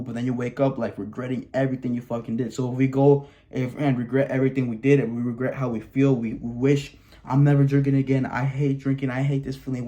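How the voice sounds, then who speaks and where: This dark-toned, mid-range male voice belongs to a vlogger in his early twenties from Wisconsin, USA. Talking straight to the camera in a frank personal monologue, he curses frequently and keeps starting his sentences over.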